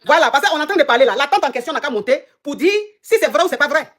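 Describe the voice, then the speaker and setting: A woman hosting a live stream, calmly moderating a dispute and urging the guest to stay discreet. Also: high voice, rapid-fire. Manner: calm, backchannels a lot, urges discretion.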